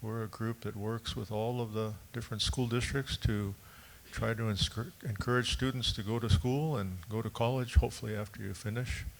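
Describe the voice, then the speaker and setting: Gravelly-voiced man introducing himself on a panel. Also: on the low side, steady tone, moderate pace, few pauses, a little hiss or hum. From Long Beach, California. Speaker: education director.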